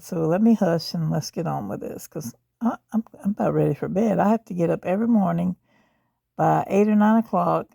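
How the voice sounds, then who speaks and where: An older woman with a gravelly, hoarse voice and a sore throat, chatting casually in a rambling, folksy, blunt way. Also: lowish voice, mellow, no echo, studio quality. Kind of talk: casual update about a rescued stray kitten. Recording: faint noise, muffled at times by mask.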